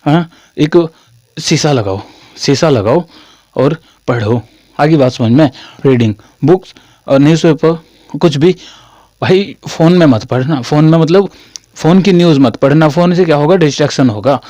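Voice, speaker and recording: A man's voice: a little high, moderate pace, long pauses, warm tone, no room sound. A young man from Haryana teaching a classroom-style lesson in a chatty way, repeating his phrases and calling listeners "brother". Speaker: English teacher.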